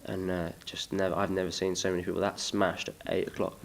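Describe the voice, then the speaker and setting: A man's voice: low-pitched, flat delivery, quick pace, vocal fry, noisy background. A young man from England chatting casually in an interview, rambling and self-deprecating. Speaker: musician, interview guest.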